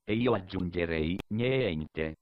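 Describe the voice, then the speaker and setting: A man's voice: low voice, takes it slowly, no echo. A man with a Sardinian accent narrating a scripted comedy course as a mock instructor, peppered with profane cursing. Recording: dull, lo-fi dry recording.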